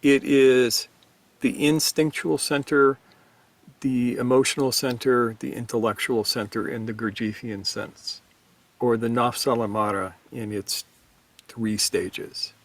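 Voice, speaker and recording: A man co-hosting a spiritual talk show, explaining ideas in a measured, emphatic way. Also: medium pitch, fairly even intonation. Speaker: podcast co-host teaching on Gurdjieff. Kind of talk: reflective spiritual discussion.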